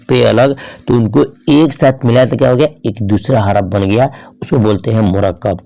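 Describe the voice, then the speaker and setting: A man's voice: medium pitch, gravelly, mellow. A middle-aged man teaching an exam-prep grammar lesson, asking questions and answering them himself and repeating key points.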